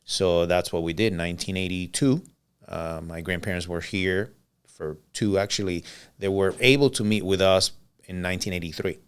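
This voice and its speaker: A middle-aged man born in Cuba whose first language is Spanish, telling his life story as a podcast guest in a relaxed, rambling way with many "uh"s and "um"s. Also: low voice, normal speed, smooth. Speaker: podcast guest, business owner. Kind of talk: casual interview storytelling.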